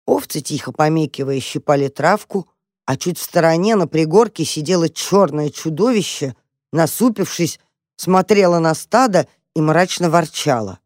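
A woman calmly and expressively narrating a children's tale as an audiobook. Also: deep voice, no echo, clean studio sound.

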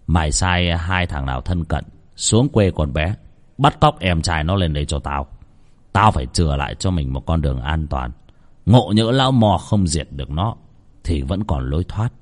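A ruthless older male boss from a horror audio story, as a male narrator puts him on. His voice drops deep and low, cold and commanding, every order carrying a quiet threat. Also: animated, moderate pace. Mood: menacing.

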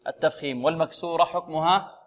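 Fairly high-voiced male recitation teacher; patient, asks and answers his own questions, drills syllables slowly. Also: fairly even intonation. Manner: drills sounds slowly, repeating syllables and asking listeners to repeat; explains patiently, posing questions and answering them himself. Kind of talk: tajweed lesson.

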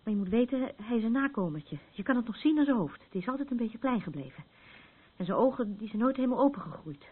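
In a radio play, an actress portrays a troubled, battered woman who anxiously and haltingly rambles in defence of her abuser, her mood defensive. Her voice is fairly high, slightly rough, with lively intonation, and the recording sounds muffled and narrow-band like a phone.

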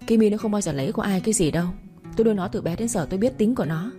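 A woman's voice: mid-range voice, rapid-fire, warm tone, faint music behind, lightly acted. A woman voicing a caring, protective old grandmother in a Vietnamese audio story, defending her grandchild and scolding others. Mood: indignant.

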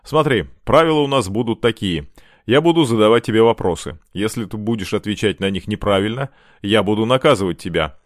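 A man's voice: lowish voice, lively intonation, brisk, no room sound, studio quality, close to an everyday voice. A man voicing a cruel, mocking boy who leads a gang of children, in an audiobook. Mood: taunting. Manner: mocking, taunting.

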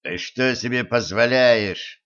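A man reading a stern, sarcastic immortal man who speaks slowly and low, with dry humor. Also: a bit bright, muffled recording. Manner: slow, low, dryly mocking.

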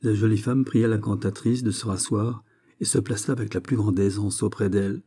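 A man narrates a nineteenth-century tale with a steady, even delivery. His voice sits fairly low and sounds dark and a little husky. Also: a little fast. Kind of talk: audiobook narration.

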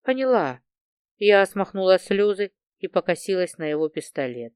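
A woman narrates a first-person crime story in an even, storytelling manner. Her voice is smooth and crisp. The recording is dry and close. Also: fairly low pitch, normal speed, no room sound. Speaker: audiobook narrator.

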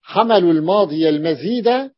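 A male teacher lecturing a class, explaining slowly and repeating each example. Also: sits high, animated, dry recording. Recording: dull lo-fi recording.

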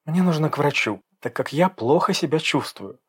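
A man's voice: fairly high pitch, lively intonation, moderate pace, husky, voice pushed up. A man voicing a defiant, icy young woman. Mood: icy scornful. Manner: icy, scornful, then feigning pain. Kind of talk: audiobook character voice.

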